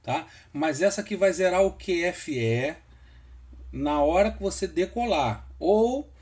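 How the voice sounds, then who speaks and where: A man's voice: high voice, animated, unhurried, a little mellow. A man giving a casual screen-share tutorial, patient and repetitive, often checking in with the listener. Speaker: instructor explaining flight instruments.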